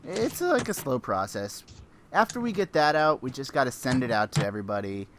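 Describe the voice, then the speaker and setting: Brief: male co-host, joking, casual, animated pitch, noisy home recording. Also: fairly quick. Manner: laid-back, joking, trails off mid-sentence. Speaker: podcast co-host. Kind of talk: casual live-stream chat.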